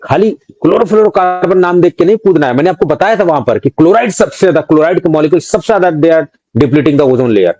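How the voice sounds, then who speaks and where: Teaching a live online exam-prep quiz class, an Indian-accented man quizzes students, reads out their names and answers, scolds them jokingly, and mixes English terms into his speech. His voice is a little high, warm, animated and fast with few pauses; the sound is lo-fi with no echo.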